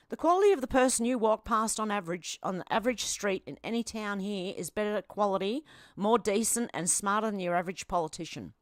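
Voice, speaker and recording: An Australian woman reads posts aloud and comments on them bluntly, with a sarcastic edge. Her voice sits at an ordinary pitch, and the sound is dry and close, with almost no room behind it. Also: dry recording. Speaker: commentary vlogger.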